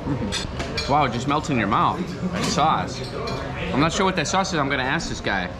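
A man's voice: mid-range voice, animated, moderate pace, over loud music. A man in his thirties filming a casual travel vlog at a seaside restaurant, enthusiastic and saying wow a lot, with the camera held at arm's length. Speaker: travel vlogger. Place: seaside restaurant and promenade, indoors and out. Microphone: handheld action camera at arm's length.

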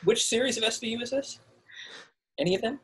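A man on a podcast panel who guesses quiz answers and makes quick joking asides. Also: extremely high pitch, fairly bright tone, slightly rough. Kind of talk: casual podcast game banter.

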